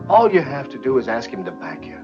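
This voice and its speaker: An actor playing a slick, fast-talking schemer pitching a deal to a friend, in 1950s film acting. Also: male voice, huge pitch swings. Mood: persuasive. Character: slick con-man friend, pushy. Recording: dull old film soundtrack with music.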